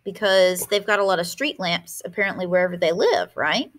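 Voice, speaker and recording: A woman's voice: on the low side, expressive, a little fast, fairly bright tone. A woman teacher reading a picture book aloud to her class, stopping to explain words and ask questions. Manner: explains vocabulary and asks the class questions, with fillers.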